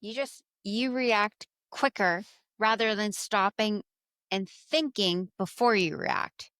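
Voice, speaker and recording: A woman in her thirties talks about raising kids in a calm, reasoning tone. Her voice sits at a middle pitch, and the recording is close and dry. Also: slow pace, smooth, no echo. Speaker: podcast co-host, mother. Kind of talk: casual chat about parenting.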